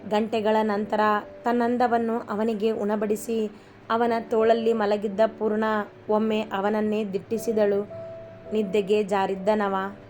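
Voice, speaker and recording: A woman narrating a family love story at a steady, even reading pace. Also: mid-range voice, measured pace. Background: faint music.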